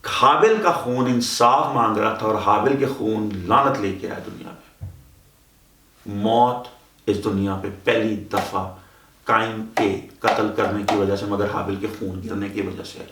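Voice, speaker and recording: A man's voice: lowish voice, measured pace, fairly bright tone, a little hiss or hum. A man preaching as a pastor, reading scripture and repeating words with emphasis, mixing English phrases into his sermon. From Pakistan. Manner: preaching in Urdu-Hindi mixed with English phrases. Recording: echoey room, voice heard from a distance.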